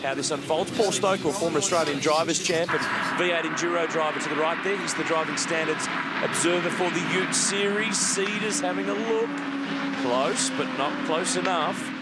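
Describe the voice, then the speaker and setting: Higher-voiced male motorsport commentator over loud engines. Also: normal speed. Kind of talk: live race commentary. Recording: loud race car noise behind commentary. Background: race cars and engine noise.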